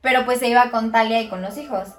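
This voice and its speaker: A young woman with a Mexican accent casually retelling a fairy tale in slangy, animated chat, acting out the characters' lines. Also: a little high, fast, echoey room. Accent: Mexican Spanish. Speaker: storyteller in a podcast chat.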